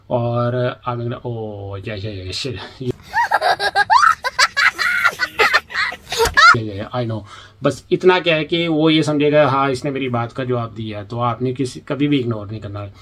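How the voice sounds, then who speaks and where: A man's voice: mid-range voice, a little hiss or hum. Chatty man giving casual vlog advice. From Pakistan. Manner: chatty, acts out quoted exchanges. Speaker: vlogger and international student in the UK.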